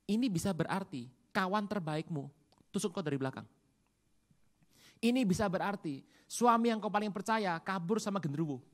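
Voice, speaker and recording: A pastor preaching an animated sermon with jokes and rhetorical questions, jumping between loud outbursts and hushed asides. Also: medium pitch.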